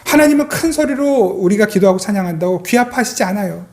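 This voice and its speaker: A pastor preaching a Sunday sermon whose pitch rises and falls over a wide range. The delivery builds through repeated parallel phrases and rhetorical questions put to the congregation, in a mid-pitched voice. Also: expressive, quick pace.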